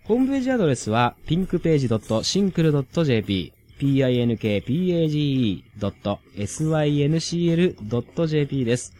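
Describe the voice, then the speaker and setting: Male podcast host, fairly high and very expressive, chatty storyteller who laughs a lot. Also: racing, few pauses. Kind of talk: casual chat, reading listener submissions.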